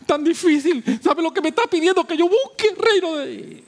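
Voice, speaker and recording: A man voicing an anxious believer who complains that the task is too hard, in a high, pleading tone. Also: lively intonation, a little fast, gravelly, exaggerated voice. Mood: fretful. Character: fretful doubting believer, whiny and anxious.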